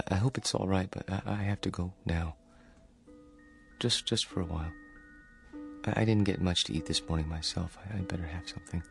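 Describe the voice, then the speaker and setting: In a radio drama, an actor plays a timid, sheltered, lonely man in his thirties, speaking in a low-sitting, creaky voice with a hesitant, meek, halting delivery.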